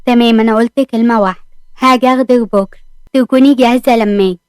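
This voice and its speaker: A woman's voice: on the high side, steady tone, racing, a little mellow, clear, resonant tone, dry recording, close to an everyday voice. A woman doing a bossy, arrogant young husband, Egyptian. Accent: Egyptian Arabic. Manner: teasing, bossy.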